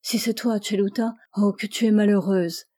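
A woman's voice: medium pitch, fairly even intonation, moderate pace, mellow, close to an everyday voice. A woman reading the lines of an anguished young male warrior in a novel audiobook, in a grieving, pleading manner.

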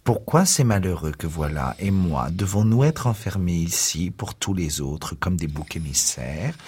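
A man's voice: low-pitched, big pitch swings, a little slow, breathy edge, heavily acted. A man playing a raging asylum inmate. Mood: bitter. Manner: shouting, spitting contempt. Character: enraged male asylum inmate, bitter and wild.

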